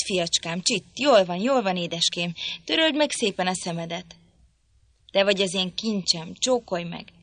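Lady doing a loud ranting drunk young guy, threatening, dry close sound. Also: mid-range voice, no room sound, exaggerated voice. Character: drunken violent young man, raging father. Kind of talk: audiobook reading.

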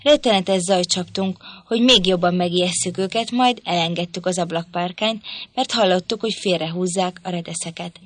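Expressive audiobook narrator, woman, lower register. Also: dry recording. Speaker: audiobook reader. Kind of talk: scripted narration.

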